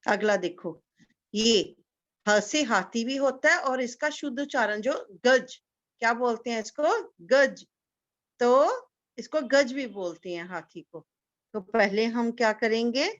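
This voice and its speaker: A woman teacher giving a slow, patient lesson to young children, repeating each word so they can echo it. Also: on the high side, lo-fi sound. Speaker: kindergarten teacher.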